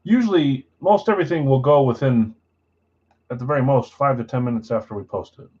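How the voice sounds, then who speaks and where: Brisk and husky with a darkish tone, this man's voice comes through with the highs cut off. He runs a live trading card break stream, calmly listing buyers and spots in an unexcited, matter-of-fact way he calls his boring voice.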